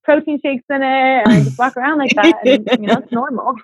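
A woman's voice: sits high, a little fast, breathy edge, dry recording, studio quality. A young woman chatting casually as an interview guest, a fitness coach with a bubbly, giggly manner.

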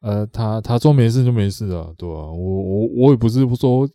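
A man's voice: fairly low pitch, animated, brisk, mellow, dry recording, studio quality. A man with a Taiwanese Mandarin accent telling a rambling story on a podcast, repeating himself and acting out what others said. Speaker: podcast co-host. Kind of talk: casual storytelling chat.

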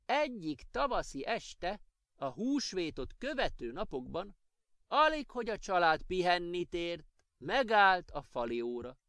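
A man narrating a children's storybook audiobook with expressive storytelling. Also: sits high.

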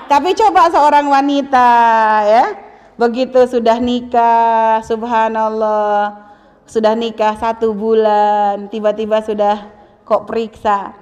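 A middle-aged woman preaches to women in a high, lively voice. She teases her listeners and acts out the voices she quotes. The sound rings with a long hall reverb. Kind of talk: religious talk to women.

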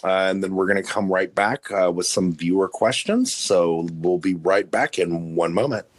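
A man's voice: deep voice, normal speed, dry recording. A man hosting an interview in a casual, enthusiastic way with lots of fillers. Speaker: host.

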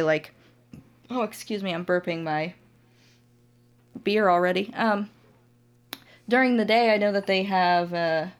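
Low gravelly-voiced woman from Ohio. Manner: chatty, laughs often, drawn-out phrases. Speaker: motovlogger guest. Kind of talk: casual podcast chat.

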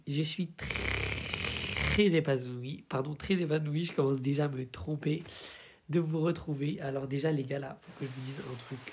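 Young woman with a head cold, husky. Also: sits low, mellow. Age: young adult. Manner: chatty, rambling with many fillers. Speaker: podcast host. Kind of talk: casual podcast chat.

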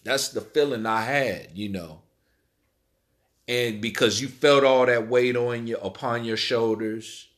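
A middle-aged man from Illinois telling a personal story in a halting way, repeating words and leaning on fillers. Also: medium pitch, a bit bright. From Illinois, USA. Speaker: interviewee.

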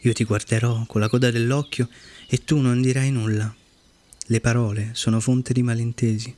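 Wise gentle fox, storybook reading, a man doing her in a mid-range voice, slow and earnest. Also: mid-range voice, little pitch movement, a little hiss or hum, lightly acted. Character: wise lonely female fox, patient and gentle.

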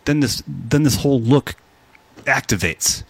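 A man's voice: mid-range voice, a little slow, breathy edge, no room sound. A man co-hosting a casual entertainment podcast, joking and swearing as he rambles through stories with many fillers. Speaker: podcast co-host. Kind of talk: casual chat.

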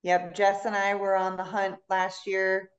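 Female co-host, mid-pitch, friendly ribbing. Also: monotone, a little slow, dull audio. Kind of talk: casual chat.

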